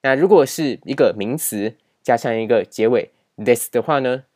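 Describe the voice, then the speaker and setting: A man teaching languages presents a grammar lesson with slides, at a moderate pace and in a medium-pitched, darkish voice. He explains patiently, restates key points, and uses many filler particles.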